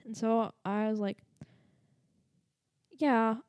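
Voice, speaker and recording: A woman's voice: mid-range voice, normal speed, warm tone, no echo. Woman with a slight lisp telling a story. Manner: rambling with many fillers and asides. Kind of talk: casual storytelling.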